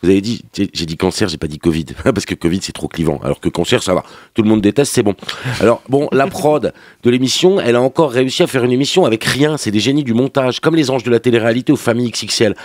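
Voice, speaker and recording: Male radio columnist, French accent, rapid mocking delivery, dry close studio sound. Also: mid-range voice, darkish tone, dry recording. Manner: sarcastic, slangy and mocking. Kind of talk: opinionated TV review on morning radio. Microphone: studio microphone.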